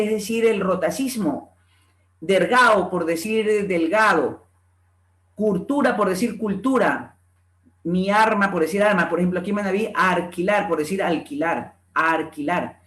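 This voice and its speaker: A man lectures to a reading club. He explains step by step and repeats example words aloud to demonstrate each sound. His voice echoes around the room. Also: sits high. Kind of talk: conference lecture.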